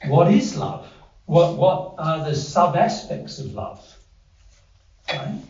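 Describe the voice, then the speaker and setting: A man's voice: on the high side, slow pace, darkish tone. A man giving an informal spiritual teaching talk to a small group, conversational and repeating their answers back. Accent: Australian. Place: living room with a small audience. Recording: dull, echoey room from far off.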